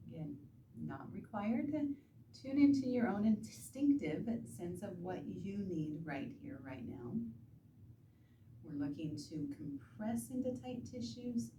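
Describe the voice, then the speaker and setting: A soft-spoken woman instructor leads a guided body-awareness and stretching lesson in a soothing, gentle manner, pausing between short instructions. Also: fairly low pitch. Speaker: instructor guiding self-treatment bodywork. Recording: roomy, distant mic with background noise.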